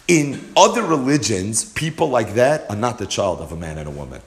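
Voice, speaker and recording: A man with a lowish voice, big pitch swings and a brisk pace teaches a Torah class. He mixes Hebrew and Yiddish terms into his English and drives his points home with rhetorical questions.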